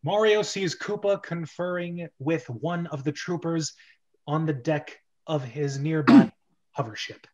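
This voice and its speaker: In a slightly high, slightly mellow voice, captured on dull audio, a man reads stage directions casually during a script read-through, stumbling along and fixing the spots he misreads.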